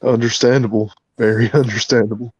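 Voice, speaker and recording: A man hosting a casual chat, reacting readily and quick to laugh. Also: medium pitch, little pitch movement, slightly rough, no echo, highs cut off.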